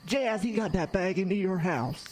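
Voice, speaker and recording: In a horror radio drama, a voice actor with a medium-pitched, lively, slightly mellow and natural voice plays an old woman from the woods, mother of the carnival owner. Speaking at a moderate pace with an urgent mood, she uses folksy rural grammar to deliver ominous warnings.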